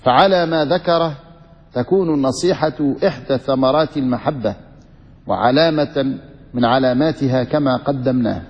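A man reads a classical religious text aloud in a steady, formal way. His voice is middle in pitch and carries a long reverb from a large room. The sound is dull and lo-fi. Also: normal speed. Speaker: student reading the text aloud.

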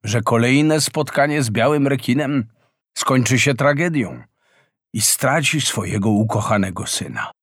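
A man reading a fairy tale aloud as a slow, expressive storyteller in a close, dry recording. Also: medium pitch, no echo. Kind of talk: scripted fairy-tale narration.

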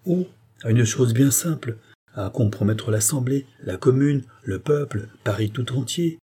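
A man's voice: medium pitch, lively intonation, measured pace, dark tone, slightly rough. A man voicing Cagliostro, a grandiose schemer. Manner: sweeping, oratorical, relentless. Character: scheming male occultist, cold and grandiose. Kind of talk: audiobook character reading.

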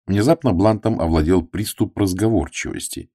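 Deep guy reading an audiobook, very expressive, dry close sound. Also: moderate pace, no room sound. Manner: expressive storytelling. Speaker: audiobook narrator. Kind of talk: scripted narration.

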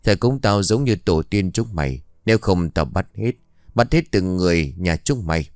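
A man voicing a vengeful male ghost with a raspy, threatening voice in an audio ghost story. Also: deep voice, lively intonation, normal speed, no room sound, clean studio sound. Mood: menacing. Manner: threatening, shouting.

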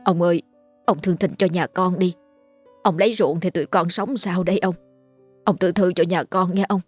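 Woman doing a humble peasant mother in her forties, quick pleading speech, audio storybook. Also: on the low side, fairly even intonation, faint music behind, natural voice.

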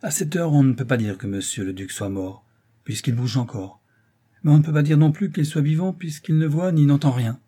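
Old worried servant guy, fretful and shaken, husky mellow voice, pitched up a bit, as a man reads him. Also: fairly quick. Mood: grave. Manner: agitated, fretful telling. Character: old distressed male servant of a duke.

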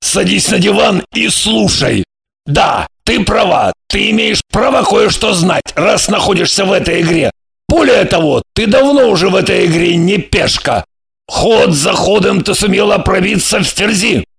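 A woman's voice: mid-range voice, expressive, normal speed, gravelly, husky, no echo, heavily acted. A woman voicing a stern middle-aged male intelligence officer who barks and lectures. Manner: barking, lecturing.

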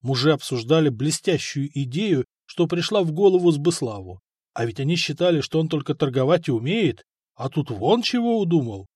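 A man narrating an audiobook in a steady, wry storytelling manner. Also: on the high side, moderate pace, breathy edge, no room sound, clean studio sound. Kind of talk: scripted narration.

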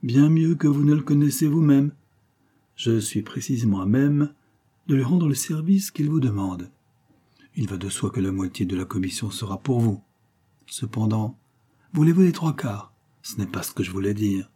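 A man's voice: medium pitch, animated, moderate pace, warm tone, slightly rough. A man reading an audiobook, voicing a scheming, seductive adventuress who coaxes and wheedles. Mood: coaxing. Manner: coaxing, wheedling.

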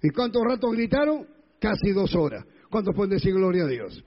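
A man's voice: high voice, sing-song, brisk, big-room sound, lo-fi sound. A male pastor preaching a sermon, retelling scripture and acting out the crowds, often questioning his congregation.

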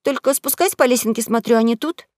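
A woman raises her voice into a wily young boy who chatters eagerly and feigns innocence. His lines come out higher and brighter, from a storybook heard close and dry. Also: brisk, no room sound, natural voice. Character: cunning quick-witted young boy.

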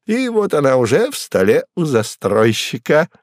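A man voicing a sly, fussy male demon servant who mocks everyone in a high, jaunty patter. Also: very animated, moderate pace, no room sound, clean studio sound. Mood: mocking.

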